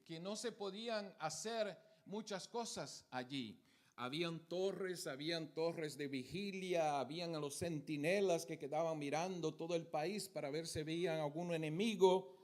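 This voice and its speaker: Male preacher with a high voice who tells the sermon story vividly and points to projected pictures. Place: church.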